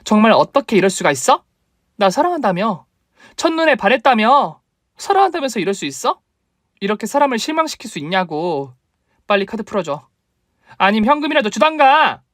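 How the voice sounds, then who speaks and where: Man doing a high-voiced spoiled young wife, nagging, scornful, dry close sound. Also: animated, normal speed, no room sound. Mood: whining. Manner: whiny, accusing, nagging. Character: demanding selfish young wife, shrill and scornful. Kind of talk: story radio acting.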